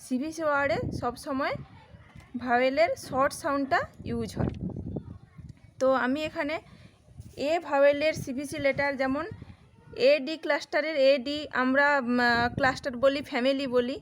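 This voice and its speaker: High-voiced woman teaching phonics patiently. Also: steady tone. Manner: slow, patient sounding-out of letters and words. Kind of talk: phonics lesson for children.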